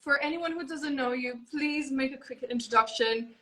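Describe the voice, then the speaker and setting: A woman's voice: sits high, moderate pace, pushed and bright, roomy sound, poor audio. A woman hosting a casual live-stream chat, chatty and full of fillers. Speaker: host. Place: indoors, phone live stream.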